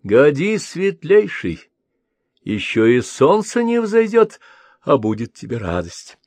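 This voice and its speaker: A male reader voicing a gentle, wise three-eyed female spirit seer who soothes and prophesies. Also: on the high side, very animated, slow, no echo, pitched above the performer's own voice, full character voice. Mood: wistful prophetic.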